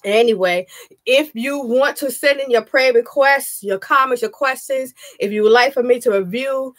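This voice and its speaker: A fairly high-voiced woman preaches earnestly into her camera, punctuating her points with amens. Her throat is a little scratchy this morning. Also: moderate pace. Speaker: pastor. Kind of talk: sermon. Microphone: webcam. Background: music.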